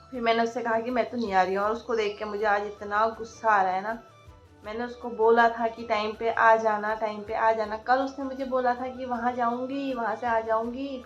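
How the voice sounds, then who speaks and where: A woman's voice: on the high side, highs cut off. A young woman with a light lilt, chatting casually through a daily vlog at home and talking to her toddler now and then. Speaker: vlogger and mother. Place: indoors in a rented room.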